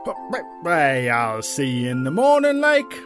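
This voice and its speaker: A woman voicing an excitable, funny young pumpkin creature for a children's audio story, with a theatrical delivery. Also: deep voice, a little slow, over music. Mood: sleepy, playful. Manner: theatrical, wildly swooping delivery.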